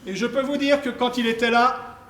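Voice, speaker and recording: A man's voice: very high voice, steady tone, normal speed, fairly bright tone, far from the mic, a little hiss or hum. A man acting a simple, boastful hired guard with folksy, eager talk in an amateur stage play. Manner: folksy, eager talk that pushes his companion to speak. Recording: echoey stage hall picked up from afar.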